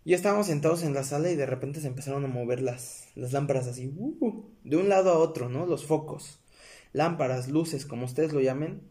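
A young man with a Mexican accent talks straight to his viewers in a casual storytelling vlog. His voice sits a little on the high side, and he rambles along with plenty of fillers and self-corrections, calling the audience his friends. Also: brisk, mellow. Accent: Mexican Spanish. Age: young adult. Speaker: vlogger.

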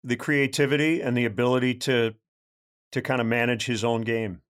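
Relaxed man hosting a talk show. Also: mid-range voice, moderate pace. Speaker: host. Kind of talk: casual interview chat.

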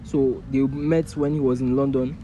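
A man's voice: mid-range voice, little pitch movement, normal speed, warm tone, a little hiss or hum, poor audio. A young man chatting casually as a podcast co-host, often stammering and repeating his words. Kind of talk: casual chat.

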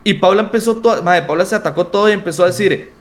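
A man's voice: high-pitched, quick pace. A young man with a Costa Rican accent, a streamer telling stories in a casual, slang-heavy interview chat. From Costa Rica. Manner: slangy, animated storytelling.

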